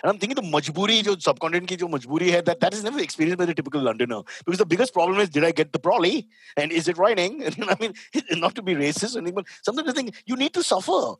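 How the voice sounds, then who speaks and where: A man's voice: high voice, animated, very fast, husky, no room sound, low-quality recording. A man with an Indian accent riffing jokily in casual chat, slipping between English and Hindi.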